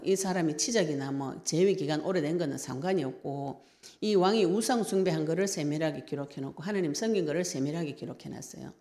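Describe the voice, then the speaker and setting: A woman pastor preaches with a Gyeongsang Korean accent in a low, gravelly voice. Her tone is dark and mellow. She tells her stories with lively, personal energy and acts out what she once said. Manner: lively storytelling, acts out her own past words. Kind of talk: sermon.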